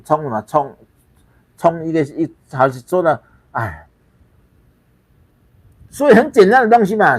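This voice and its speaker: A man's voice: fairly high pitch, no room sound. A man with a Taiwanese Mandarin accent hosting a livestream, blunt and scornful, swearing freely and repeating himself in emphatic bursts. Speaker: livestream host. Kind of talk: ranting livestream commentary.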